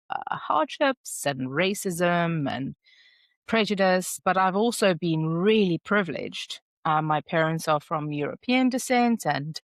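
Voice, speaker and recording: A woman with a low, grounded voice talks through a solo podcast episode. Her delivery is candid and reflective, like an easy conversation. The recording is dry and close, with no room sound. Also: no echo. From South Africa. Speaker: podcast host.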